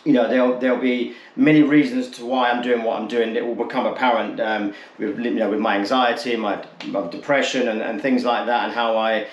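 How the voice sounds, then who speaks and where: In an untreated room with echo, a man in his late forties presents his channel in a relaxed, frank talk to camera, wandering a little and rewording things. His mid-range voice is brisk and fairly even, with hardly any pauses, and the sound is lo-fi.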